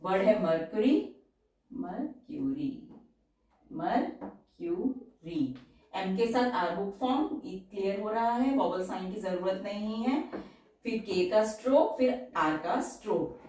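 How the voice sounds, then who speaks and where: Echoey woman teaching slowly, repeating words. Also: medium pitch, lively intonation, darkish tone. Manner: explains slowly, repeats each word, drawls example words. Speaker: shorthand teacher. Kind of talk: step-by-step spoken lesson. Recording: very echoey room, voice from far off.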